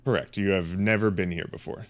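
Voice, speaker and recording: A man running a tabletop game as game master, explaining things casually with many pauses and restarts. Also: sits low, fairly even intonation. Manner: hesitant, many ums and restarts.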